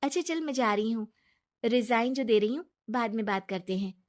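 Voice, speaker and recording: A trusting young wife who means well and reassures everyone, as a woman voices her for a cartoon story. Her voice is fairly high. She speaks earnestly and plainly. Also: animated, moderate pace, natural voice. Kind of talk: animated storybook dialogue.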